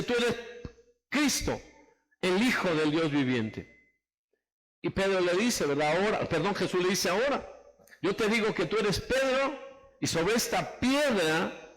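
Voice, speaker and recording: A pastor preaching an emphatic sermon, calling on the congregation to raise hands and repeat phrases after him. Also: male voice, high-pitched, fairly bright tone, poor audio.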